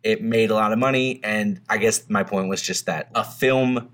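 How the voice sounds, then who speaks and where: A man's voice: on the low side, normal speed, fairly bright tone. A man co-hosting a movie podcast in casual, rambling chat, recording under a blanket. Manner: rambling, laid-back, swears freely. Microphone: home podcast mic under a blanket.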